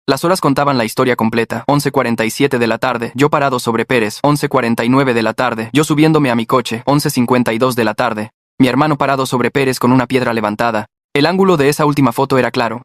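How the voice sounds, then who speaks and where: Un hombre con acento mexicano que narra en primera persona una historia escrita, en tono tenso y constante. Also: male voice, medium pitch, no room sound, studio quality. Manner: tense, steady storytelling. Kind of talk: scripted first-person story narration.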